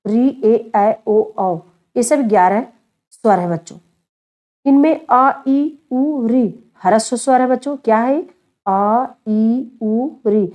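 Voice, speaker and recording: A woman teacher gives a grammar lesson in a mellow, warm voice that sits a little high. She keeps asking her class a question and then answers it herself, and she often calls them children. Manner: addresses listeners as children often. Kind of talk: online Hindi grammar lesson.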